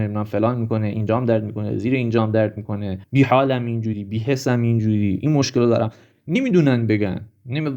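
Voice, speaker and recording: Casual male vlogger, mellow low-toned voice, lo-fi sound, piles up examples. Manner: animated, listing examples rapidly. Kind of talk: casual monologue.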